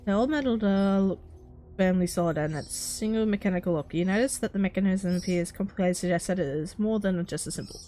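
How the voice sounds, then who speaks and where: A woman's voice: mid-range voice, fairly quick, dark tone, soft background music. A woman hosting a let's play, reading out the game's text and chatting about her choices as she plays. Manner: chatty, reacts aloud while playing. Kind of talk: reading game text aloud and commenting.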